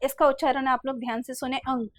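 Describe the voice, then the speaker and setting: A woman teaching a grammar lesson, explaining step by step, slowly sounding out letters one by one and calling her students "beta". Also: sits high, animated, dry recording, clean studio sound. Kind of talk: classroom lesson.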